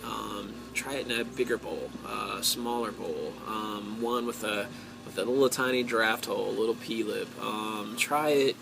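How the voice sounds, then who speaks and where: An American man talking casually to his viewers as a hobby vlogger, in a halting way, thinking aloud with drawn-out pauses. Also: on the low side, vocal fry, background noise. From United States. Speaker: pipe-hobby vlogger and host. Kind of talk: casual solo talk to viewers.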